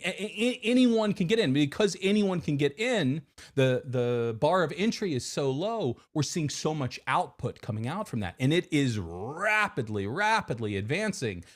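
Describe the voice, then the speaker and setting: A man in his forties speaks as a podcast guest, his pitch moving in a lively, animated way. He talks casually, often restarting phrases and repeating words as he works out his answers. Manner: many repeated words and restarts, quotes hype voices mockingly. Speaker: podcast guest, technology executive.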